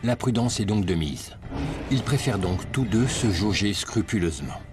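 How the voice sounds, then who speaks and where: Deep guy doing nature documentary voiceover, dramatic storytelling, loud music behind him. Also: lively intonation, normal speed. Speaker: documentary narrator. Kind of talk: scripted nature documentary narration. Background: prominent music.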